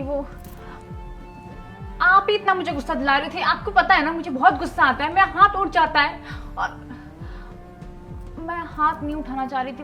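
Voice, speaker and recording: A woman's voice: high voice, bright, forceful tone, roomy sound, rough recording. A young woman acting a wife in a scripted sketch, defensive and scolding, pleading for forgiveness between reproaches. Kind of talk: scripted comedic monologue.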